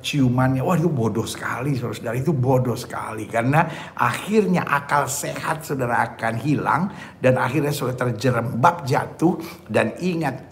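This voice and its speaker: Gravelly emphatic preacher man. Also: mid-range voice, a little hiss or hum. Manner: emphatic preaching, often asking the listeners "ya kan?" and "saudara-saudara". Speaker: pastor. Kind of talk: sermon on dating.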